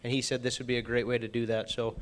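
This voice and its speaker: A man's voice: mid-range voice, little pitch movement, quick pace. A young man answering questions casually and politely in front of a group. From upper Midwest United States. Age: young adult. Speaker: auctioneer school student.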